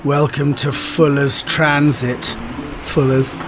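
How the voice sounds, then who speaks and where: Man reading dry impatient bus ticket agent, unimpressed, slightly raised pitch, guitar music behind. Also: flat delivery, slow pace. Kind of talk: reading a screenplay aloud.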